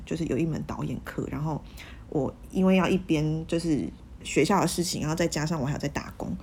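Fast-talking low-voiced woman, frank storyteller. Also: dark tone, slight background noise. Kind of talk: casual podcast chat.

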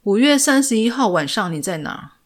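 A woman's voice: on the high side, big pitch swings, moderate pace, pitched above the performer's own voice. A woman voicing a blunt female police officer who asks pointed, challenging questions, in a retold film scene. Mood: pressing.

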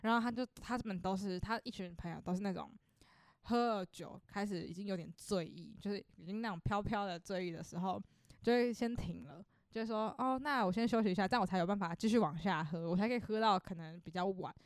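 A woman's voice: mid-range voice, brisk, dry recording, studio quality. A young woman, a podcast co-host who chimes in with quips during casual chat. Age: young adult. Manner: chimes in with laughing reactions and quips.

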